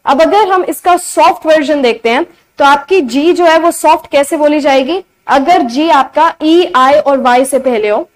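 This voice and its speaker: A young woman teaching beginner phonics, repeating each sound slowly and clearly. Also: high voice. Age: young adult. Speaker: English teacher.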